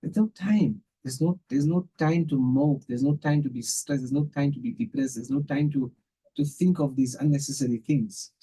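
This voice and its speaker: A South African-accented man, an Islamic scholar appearing as a podcast guest, shares religious reflections conversationally, repeating phrases for emphasis. His mid-range voice is mellow and husky at a moderate pace. The recording is low quality.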